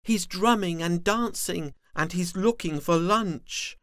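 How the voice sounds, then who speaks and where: A man's voice: high-pitched, slow pace, fairly bright tone, no room sound, studio quality, pitched above the performer's own voice, exaggerated voice. A man voicing a careful, bossy big-sister worm who scolds and warns her little brother. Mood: alarmed. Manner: scolding, warning.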